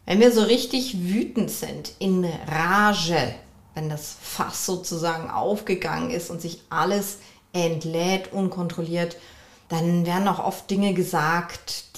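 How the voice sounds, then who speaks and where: A woman coach and couples therapist hosting her own podcast, speaking in a measured, reflective way and often affirming herself with a soft "ja". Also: fairly low pitch, roomy sound. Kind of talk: calm solo podcast talk.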